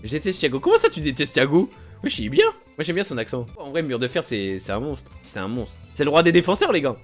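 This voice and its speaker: A young man, a video creator, chatting casually in an animated, slangy and emphatic way, often repeating himself. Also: on the high side, fast talker, faint music behind. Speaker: youtuber. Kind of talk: casual reaction chat.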